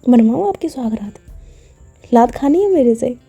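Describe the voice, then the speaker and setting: A woman voicing a sulky, easily offended young woman who scolds with sharp retorts in a spoken love story. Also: fairly high pitch, animated, moderate pace, slightly rough, faint music behind. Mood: scolding.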